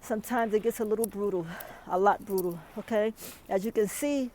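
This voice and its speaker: A woman's voice: mid-range voice, a little fast, a little mellow, rough recording. A woman, out of breath, filming a weather vlog outdoors in a snowstorm and often adding "okay?" to her emphatic advice. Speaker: vlogger.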